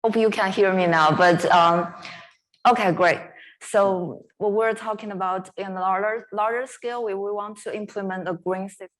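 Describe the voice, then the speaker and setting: A woman's voice: medium pitch, steady tone, poor audio. Woman on a call with uneven, cutting-out volume. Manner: halting, searching for words. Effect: choppy, uneven volume from a microphone that keeps cutting out. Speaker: roundtable participant asking a question. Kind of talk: online panel discussion. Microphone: video call microphone.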